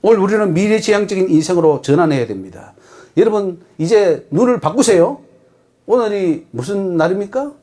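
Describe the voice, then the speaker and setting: A male pastor with a Gyeongsang accent delivers an emphatic sermon. His voice sits high and swoops up and down, and he keeps putting rhetorical questions to his congregation. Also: expressive, normal speed, dark tone. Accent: Gyeongsang Korean.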